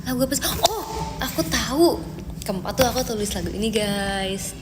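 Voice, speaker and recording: A woman's voice: medium pitch, animated, moderate pace, in a large hall, heavy background noise. A young woman chatting casually on a live stream, answering viewer comments with lots of fillers. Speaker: idol group member streaming live.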